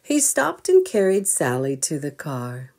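A woman reads a children's storybook aloud in a low-pitched, unhurried voice. Speaking as a storyteller to young listeners, she is expressive and invites them with questions.

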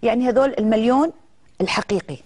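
A woman's voice: on the high side, fast. A middle-aged woman, an actress guest telling stories in a casual TV interview. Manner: lively, animated storytelling with quoted dialogue.

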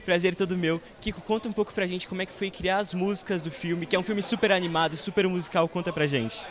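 Upbeat guy interviewing people at a premiere, fast talker, fairly high voice. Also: steady tone, a crowd in the background. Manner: upbeat, quick questions. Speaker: event interviewer.

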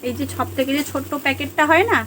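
A woman vlogger with a Bengali accent, chatting casually to viewers at home about her day, rambling with many fillers, her voice a little hoarse. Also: high-pitched, very fast, bright, forceful tone, a little hiss or hum. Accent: Bengali (West Bengal). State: hoarse, throat going. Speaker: vlogger, housewife. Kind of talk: casual vlog chat to viewers.

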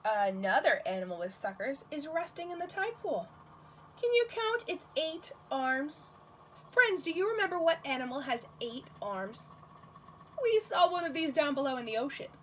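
A nursery school teacher with a high, expressive voice reads a picture book aloud to young children, asking questions and speaking straight to them. There's slight background noise.

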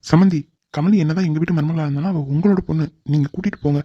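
Guy doing reassuring groom's dad, cartoon drama, fast talker, dry lo-fi sound. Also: fairly high pitch, fairly even intonation, mellow, no room sound, lightly acted. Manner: soothing, reassuring. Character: middle-aged father of the groom, reassuring. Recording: dull lo-fi recording.

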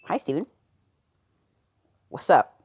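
A woman performing an amateur skit, reading the lines in a halting, unpolished way. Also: highs cut off. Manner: unpolished, halting line delivery. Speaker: skit performer voicing both parts.

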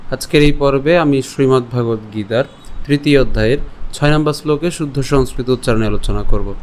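A man teaching a class on Sanskrit verse pronunciation, breaking words into syllables slowly and chanting the verse in a melody. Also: mid-range voice. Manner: slow, syllable-by-syllable demonstration of verse. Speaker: Gita recitation teacher.

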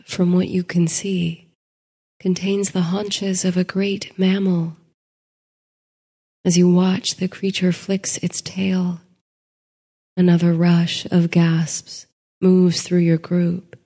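Woman, sleep story narrator, hushed and whispery, mellow dark tone, lingering reverb. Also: lowish voice, gravelly, slightly rough. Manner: soft, hushed, drifting into whispers.

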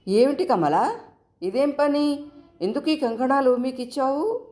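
A woman voicing an affectionate, teasing young woman in a storybook reading, with a raised, lively delivery. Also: on the low side, moderate pace, faint music behind, lightly acted. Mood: scolding.

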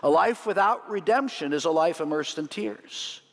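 A man with a slightly high voice leads a church congregation through a Seder plate, explaining each item. He teaches with light jokes and chuckles. His voice rings with a long reverb through the sanctuary. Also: animated, moderate pace. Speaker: rabbi leading a Seder demonstration. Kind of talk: sermon demonstration.

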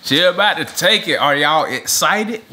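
A woman filming a casual family vlog, chatty and quick to laugh. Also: low-pitched, lively intonation, pushed and bright, a little hiss or hum. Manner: laughs often, informal Southern-style slang. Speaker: vlogger.

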